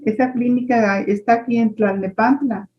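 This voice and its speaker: A woman's voice: fairly high pitch, steady tone, normal speed, muffled recording. A woman telling a story in an online class, rambling with many fillers. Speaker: class participant.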